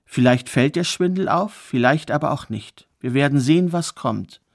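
A man voicing a kind, resourceful young woman who speaks gently and reassuringly in a spoken fairy tale. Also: medium pitch, lively intonation, normal speed, creaky, no room sound, clean studio sound. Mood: kindly.

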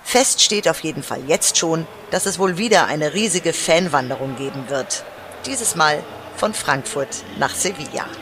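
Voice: medium pitch, expressive, normal speed, noisy background. A radio reporter narrating a scripted news report about events.

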